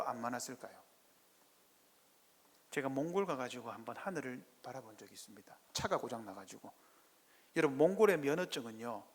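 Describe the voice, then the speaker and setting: A pastor, preaching a sermon in a church sanctuary and firing rhetorical questions at the congregation. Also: male voice, on the high side, fairly bright tone. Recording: echoey church hall.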